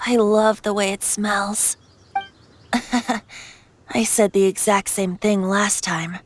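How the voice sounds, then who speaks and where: A woman's voice: medium pitch, flat delivery, slow, no echo, lightly acted. Woman voicing a breezy, boyish young bard. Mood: wistful, confiding. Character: youthful boyish male bard, secretly a god, playful and breezy. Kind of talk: anime-style game voice acting.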